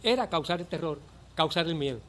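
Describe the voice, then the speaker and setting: An older man with a Cuban accent, a former volunteer teacher giving earnest, measured testimony for a documentary. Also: fairly high pitch, expressive, a bit bright.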